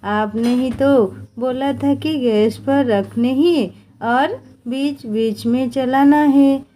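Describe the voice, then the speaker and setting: A woman's voice: high-pitched, slow pace, dark tone, slight background noise. Woman voicing a naive young bride. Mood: earnest. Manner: earnest, innocent questioning. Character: naive young daughter-in-law, eager and literal.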